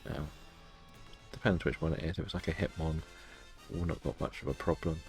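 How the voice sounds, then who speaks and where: Low-voiced, low-key male game streamer. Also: steady tone, a little fast, soft background music. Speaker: live-streaming gamer. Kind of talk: casual game stream commentary, chatting with viewers.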